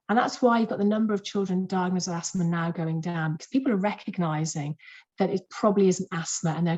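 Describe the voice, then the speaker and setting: A woman, a clinician, giving a lively and emphatic webinar lecture to health professionals in a conversational way, repeating words for stress. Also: lowish voice. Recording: muffled lo-fi webinar audio.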